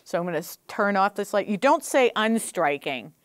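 A woman's voice: medium pitch, very animated, normal speed, no echo. A middle-aged woman teaching film lighting, explaining practically as she operates the gear on a studio stage. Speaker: film instructor. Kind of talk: hands-on equipment demonstration.

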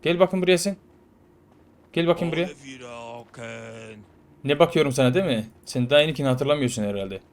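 Slangy gamer guy, kinda high voice, joking around over gameplay and yelling sometimes. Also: brisk, pauses often. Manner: playful, slangy, bursts into loud shouting. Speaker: gaming YouTuber. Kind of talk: casual let's-play commentary.

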